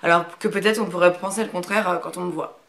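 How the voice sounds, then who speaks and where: A woman's voice: lowish voice, fairly even intonation, fast talker, vocal fry, a bit bright. A woman in her thirties from Brittany, talking to camera in a casual, hesitant way with lots of fillers, frank and reserved. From Brittany, France. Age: 30s. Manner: hesitant, many fillers and restarts. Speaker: YouTuber. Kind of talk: casual talk to camera, answering a question tag.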